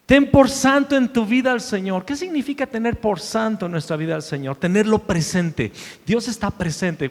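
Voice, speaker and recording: A man preaching a sermon as pastor, emphatic, repeating key phrases and swinging between loud declarations and hushed asides. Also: sits high. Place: church sanctuary. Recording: long hall reverb.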